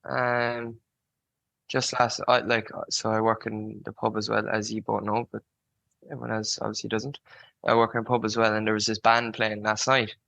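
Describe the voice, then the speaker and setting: A young man in his early twenties with a creaky edge and a fairly flat melody. He chats casually in colloquial phrasing, with a bright, forward tone. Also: lowish voice, normal speed, dry recording, low-quality recording. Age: early 20s. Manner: colloquial, frequent "like" and "you know". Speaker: podcast guest, student on work placement. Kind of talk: casual chat.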